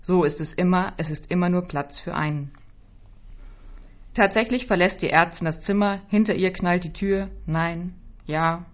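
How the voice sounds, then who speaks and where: In a slightly dull recording, a reader with a lowish voice gives a quiet, measured first-person literary reading. Her voice often drops softly.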